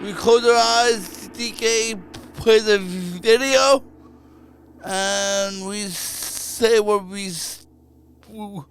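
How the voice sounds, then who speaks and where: A man co-hosting a casual podcast chat, talking slowly and stuttering on some words. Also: high voice, fairly bright tone, a little hiss or hum. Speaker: co-host.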